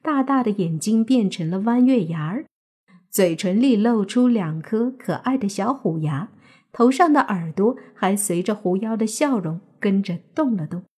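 A woman narrating a serialized novel in steady storytelling. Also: medium pitch, moderate pace, breathy edge. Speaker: audiobook narrator.

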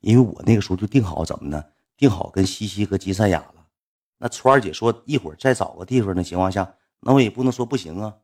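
A man's voice: fairly low pitch, lively intonation, fast talker, darkish tone. A man with a Northeastern Mandarin accent telling a casual spoken anecdote, rambling and repeating himself with lots of fillers. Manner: rambling, repetitive, full of fillers. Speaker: storyteller.

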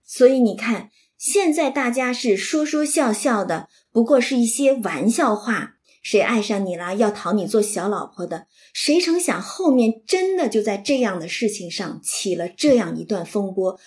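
A woman's voice: fairly high pitch, a little mellow. A woman retelling and explaining a classic novel in a chatty lecture, often checking in with her listeners. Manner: chatty, asks listeners for agreement. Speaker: literature explainer.

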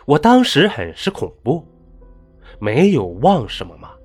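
A man's voice: on the high side, wildly swooping pitch, measured pace, a little mellow, breathy edge, soft background music. A man narrating a folk ghost story in a dramatic, rising and falling delivery.

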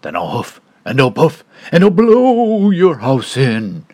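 A man voicing a sly, hungry male wolf in a storybook tale, with a low, menacing tone. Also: wildly swooping pitch, takes it slowly, mellow, husky, heavily acted.

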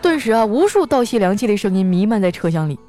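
A woman's voice: medium pitch, sing-song, quick pace, warm tone, soft background music, some chatter behind. A woman from northeast China hosting an audio show, reading listener jokes aloud in a chatty way and often laughing along. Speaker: podcast host.

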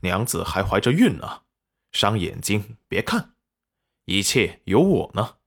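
A man voicing a doting young husband who is patient and coaxing, with a soft, soothing way of talking. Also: lowish voice, big pitch swings, slow pace, slightly rough, heavily acted.

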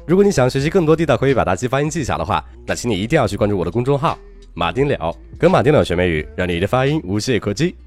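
A man's voice: mid-range voice, very animated, very fast, soft background music. A man teaching English pronunciation in a chatty, teasing way, talking straight to the listener. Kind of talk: recorded pronunciation lesson.

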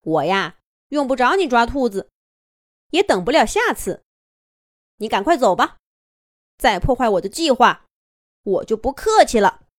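A woman's voice: on the high side, big pitch swings, measured pace, long pauses, no room sound, clean studio sound. A woman voicing a cool, aloof young male wolf from a children's story, speaking in a cold, dismissive way.

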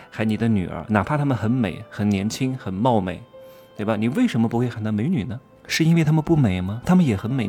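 A man with a low, gravelly voice and a lilt talks straight to his viewers. He teases them and keeps throwing out rhetorical questions. Soft music plays faintly under him. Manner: provocative, rhetorical questions, teasing. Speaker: self-styled commentator. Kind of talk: casual monologue commentary.

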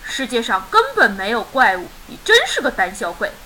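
A woman's voice: on the high side, wildly swooping pitch, normal speed, pushed and bright, a little hiss or hum, heavily acted. A woman voicing an impatient, grumpy father bear who scolds his cubs.

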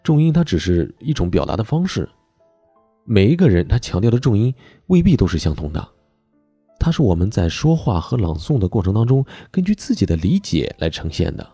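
A man teaching voice training in a recorded online lesson, explaining step by step and stressing key words with sudden jumps in pitch. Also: sing-song, fairly quick, dark tone, husky, no room sound, soft background music.

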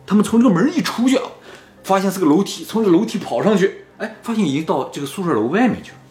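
A man's voice: sits high, fast, roomy sound. A man hosting a casual chat, telling a spooky story and acting out the quoted lines. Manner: animated, acts out quoted lines. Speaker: storyteller host.

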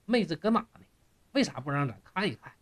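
A man's voice: on the high side, big pitch swings, quick pace. A male storyteller voicing a pushy friend who teases and coaxes for a secret. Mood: teasing. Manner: coaxing, teasing.

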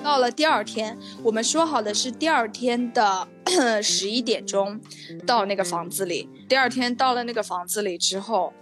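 A woman co-hosting a podcast, telling a story in casual chat. She sounds animated and indignant, and she swears freely. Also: a little high, normal speed, over music. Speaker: podcast co-host.

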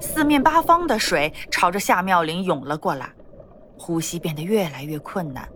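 A woman narrating a novel as an audiobook in an expressive storytelling manner. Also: on the low side, moderate pace, slight background noise. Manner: expressive storytelling, lively intonation.

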